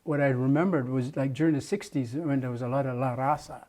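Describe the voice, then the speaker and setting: A man's voice: medium pitch, fairly even intonation, fast talker, darkish tone. Older Jamaican-born man reminiscing. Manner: rambling, many restarts and fillers. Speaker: interviewee, muralist. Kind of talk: oral history interview, reminiscing.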